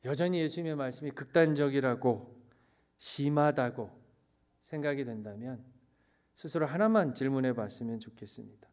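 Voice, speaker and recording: A middle-aged male pastor preaching a sermon with emphatic delivery, swinging between loud declarations and hushed phrases and slipping in English phrases. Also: mid-range voice, normal speed.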